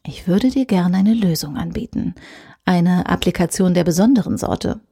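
A woman voicing a smooth, persuasive male virtual advertising avatar, speaking softly and coaxingly. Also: fairly low pitch, moderate pace. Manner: soft, coaxing, hushed.

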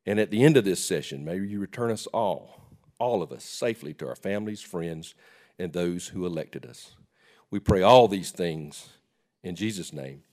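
A man leading a formal public prayer as a legislator, in solemn, measured phrases that start strong and fall away. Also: deep voice, animated, darkish tone. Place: legislative chamber, at the podium.

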